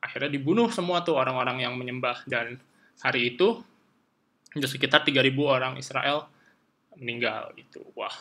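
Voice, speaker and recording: A man's voice: mid-range voice, a little fast, long pauses, a bit bright. A man casually retelling a Bible story to children, chatty and full of fillers and rhetorical questions.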